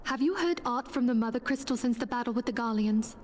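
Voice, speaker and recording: A woman's voice: fairly high pitch, a little fast, natural voice. An actress playing a grave, worried young woman in a fantasy game with formal, solemn delivery. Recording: game music behind the voice.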